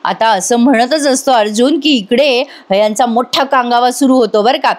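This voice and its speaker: A woman's voice: fairly high pitch, normal speed. A woman with a Marathi accent narrating a chatty voice-over recap of a TV serial, commenting as she retells scenes.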